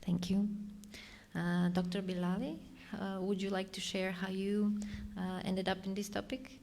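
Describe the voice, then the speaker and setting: A woman's voice: medium pitch, level tone, measured pace, darkish tone, a little hiss or hum. A woman moderating a panel, asking questions politely with some hesitation.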